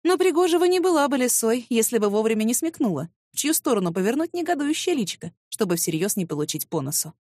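A woman narrating a first-person audiobook in a lively, sassy, mock-indignant manner. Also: on the high side, fast talker, hardly any pauses, no echo.

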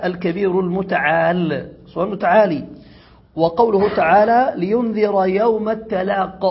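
A man leads a grammar lesson in a classroom, reading a passage and then working through it with his students. His voice sits high and sounds husky. The recording is dull and lo-fi. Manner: reads a passage, then explains it slowly with questions to students. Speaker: Arabic grammar teacher. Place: classroom or study circle.

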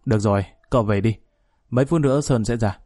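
A man voicing a police commander who gives brisk, curt orders. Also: fairly low pitch, mellow, lightly acted.

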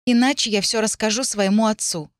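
A woman voicing a timid, mistreated young noblewoman who speaks quietly and pleadingly. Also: medium pitch, steady tone, brisk, no echo, studio quality, voice pushed up, natural voice.

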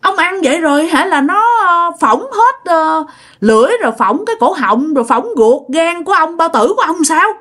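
A woman's voice: expressive, normal speed, a bit bright. A woman voicing a frightened mother who scolds her husband in alarm. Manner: shrill, scolding, fussing.

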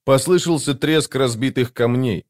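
A man reading a fantasy audiobook in a steady, measured way. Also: medium pitch. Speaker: audiobook narrator. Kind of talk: scripted fantasy narration.

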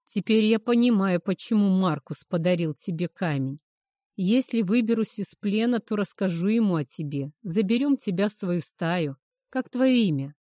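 A woman's voice: mid-range voice, animated, moderate pace, dark tone, no echo, studio quality, close to an everyday voice. A woman voicing a curious, amused male prisoner. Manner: inquisitive.

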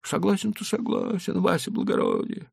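A man voicing a timid, anxious male horse trader in a high, whining, pleading voice for an audiobook. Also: huge pitch swings, moderate pace, creaky, a little mellow, slightly rough, no room sound, studio quality, heavily acted. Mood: fretful. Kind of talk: audiobook character voice.

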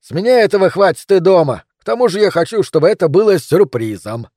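A gruff, aging police captain, played by a man, trades wry banter in a raised, pushed-up voice. The tone is dark and mellow, and the take is dry and close-miked. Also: fairly high pitch, expressive, normal speed, no echo, pitched above the performer's own voice, lightly acted.

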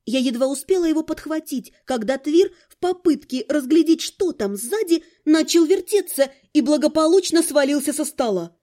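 A woman reading a first-person audiobook with expressive, lively storytelling. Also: high voice, moderate pace, few pauses. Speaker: audiobook narrator.

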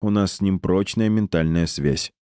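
A young male wizard answers in a wry, offhand manner, as a man reading an audiobook voices him. The tone is low and mellow, and the recording is dry. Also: moderate pace, clear, resonant tone, no echo, natural voice.

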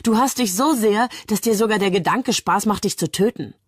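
A woman reading the part of a sharp, skeptical young woman who talks coolly and cuttingly, in a husky voice. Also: medium pitch, normal speed, no echo, studio quality, pitched above the performer's own voice, natural voice.

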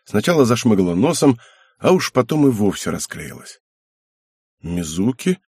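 A man reading an audiobook aloud in an even, matter-of-fact way. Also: medium pitch, fairly quick, husky, no room sound, studio quality. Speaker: audiobook narrator. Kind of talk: audiobook narration.

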